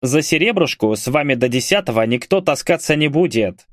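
A man's voice: a little high, animated, fairly quick, no echo, clean studio sound, pitched above the performer's own voice, natural voice. A man voicing a burly, bearded guild doorkeeper who talks with scorn and barks orders, raising his voice. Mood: dismissive. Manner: scornful, barking.

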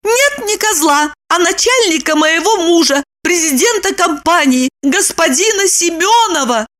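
A woman doing a squeaky, shrill young woman. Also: lively intonation, unhurried, a bit bright, exaggerated voice. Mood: indignant. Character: excitable, indignant young woman. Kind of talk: audiobook character reading.

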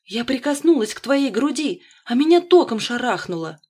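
Here is a young courtesan out of a fantasy audiobook, as a woman reader puts her on. She talks in a breathy, languid way, drawn out and low, and goes high and loud once she is scared. The reading is steady, without rush. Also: measured pace, natural voice. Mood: shocked.

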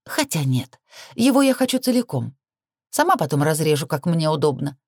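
A woman voicing a defiant, sharp-tongued young heroine who makes mocking retorts. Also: deep voice, very animated, normal speed, husky, no echo, studio quality, full character voice.

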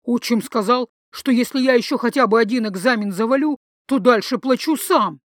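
A woman's voice: on the high side, normal speed, dry recording, clean studio sound, lightly acted. A woman voicing a cheeky, pushy young male student who wheedles and persuades.

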